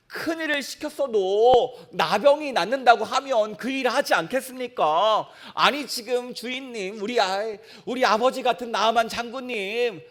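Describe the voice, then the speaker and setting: A preacher voicing earnest pleading servants. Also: male voice, very high-pitched, fairly bright tone. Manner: earnest, imploring. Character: pleading male servants addressing their master.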